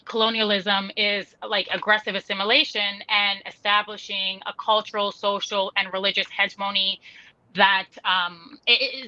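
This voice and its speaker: A woman's voice: mid-range voice, pushed and bright, dry recording, highs cut off. A woman co-hosting a podcast, arguing articulately in casual discussion with academic terms. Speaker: podcast co-host.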